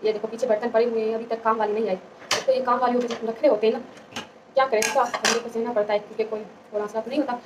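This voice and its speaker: A young woman vlogging at home in casual, fast, chatty talk. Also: on the high side, flat delivery, far from the mic. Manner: quick, chatty, talks fast by her own account. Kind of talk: casual vlog chat. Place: home kitchen with dishes about. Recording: home video with noisy background.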